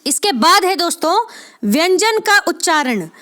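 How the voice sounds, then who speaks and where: Female teacher, very high voice, patient exam-prep lesson, repeats key terms and asks her own questions. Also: very animated, a little slow, bright, forceful tone. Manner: frequent "theek hai" check-ins addressing viewers as friends. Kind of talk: exam-prep lesson explaining Hindi grammar.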